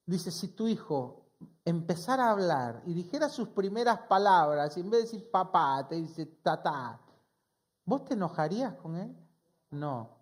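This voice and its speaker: A man's voice: a little high, a little mellow. Rioplatense pastor guy preaching, tells his story and does both sides of the dialogue. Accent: Rioplatense Spanish. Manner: storytelling, acts out dialogue with voseo. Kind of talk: sermon with personal testimony.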